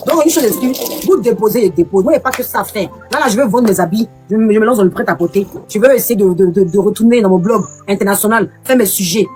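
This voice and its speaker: A woman ranting on a live stream, firing her words off at a rapid clip. She lashes out at her critics and keeps hammering the same points. Faint music runs underneath. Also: mid-range voice, a little mellow. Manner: combative, repeats her points. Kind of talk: heated live stream rant.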